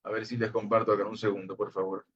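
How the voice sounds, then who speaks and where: A man's voice: lowish voice, little pitch movement, fast, breathy edge. Man teacher, patient explainer, online class lecture over slightly dull video-call audio. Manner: explains patiently, addresses listeners as brothers. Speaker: Bible Hebrew teacher.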